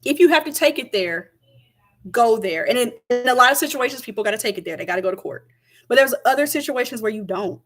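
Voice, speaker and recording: A woman's voice: a little high, lively intonation, quick pace. Young woman, casual talk to camera, emphatic, repeats herself. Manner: chatty, emphatic, repeats points. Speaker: vlogger.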